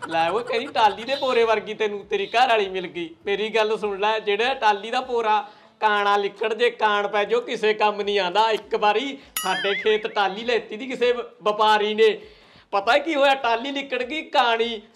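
A man's voice: high-pitched, fairly even intonation, moderate pace, fairly bright tone, a little hiss or hum. A man playing a henpecked village husband, grumbling sarcastically and breaking into wailing cries. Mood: complaining. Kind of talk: rustic comedy sketch acting.

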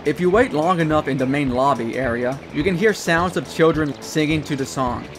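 A man's voice: on the high side, fairly quick, over music. A young man narrating a gaming trivia video in a casual, wry way, with sarcastic asides.

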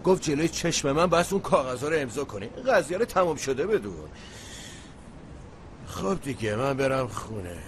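A man's voice: fairly high pitch, animated. A man dubbing a boastful, grumbling middle-aged father in a TV drama, with street noise behind. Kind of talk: dubbed TV drama.

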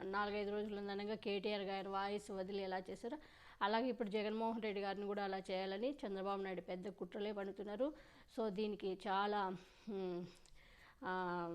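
A woman's voice: mid-range voice, clear, resonant tone. A woman giving insistent political commentary on her channel, repeating her warnings.

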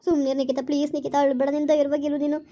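A caring young friend coaxes and soothes again and again, as a woman plays her in a homemade village skit. Her mellow, high voice runs at a fast clip. The sound is dull and lo-fi. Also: little pitch movement, close to an everyday voice. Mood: consoling. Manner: soothing, repetitive coaxing. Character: caring young female friend, gently consoling. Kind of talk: village family skit acting. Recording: dull lo-fi recording.

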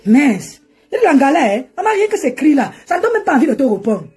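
High, lively woman ranting on a live stream. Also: quick pace, faint music behind. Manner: mocking, lively, laughs often. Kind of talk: animated Facebook live rant.

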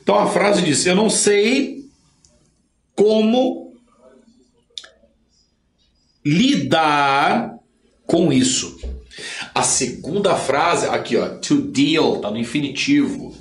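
Lively Brazilian teacher in an echoey room. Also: male voice, fairly high pitch, slow. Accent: Brazilian Portuguese. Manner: emphatic and lively, drills phrases by repetition, pushes learners to work hard. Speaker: English teacher. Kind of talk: online language lesson.

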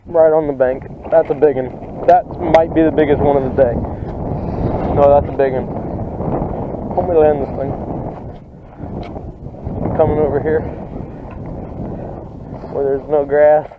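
A young man fishing at a pond bank, teasing his friend and calling out excitedly when fish bite. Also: on the high side, measured pace, pauses often. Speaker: fishing vlogger. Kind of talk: excited outdoor commentary. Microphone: head-mounted action camera. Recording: tinny lo-fi camera audio with wind noise.

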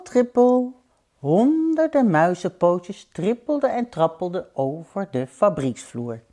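A woman reading a children's storybook aloud, expressive and gentle, with playful sound effects. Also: lowish voice, husky.

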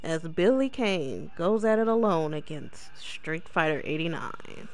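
A man hosts a gaming video with casual, folksy narration. He speaks slowly, with a lot of swing in his pitch. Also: lively intonation. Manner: folksy, says y'all. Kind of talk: casual narration of a wrestling game storyline.

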